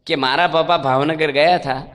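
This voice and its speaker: A man's voice: on the high side, fairly even intonation, brisk, fairly bright tone. A man giving a sermon, telling stories with quoted dialogue and asking rhetorical questions. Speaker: swami giving a religious discourse. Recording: long hall reverb.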